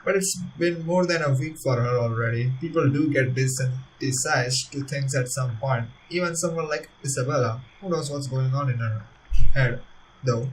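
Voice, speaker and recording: A man's voice: medium pitch, normal speed, slight background noise. Man reading a story game aloud, a bit distant. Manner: earnest reading, with laughing asides. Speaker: let's-play narrator.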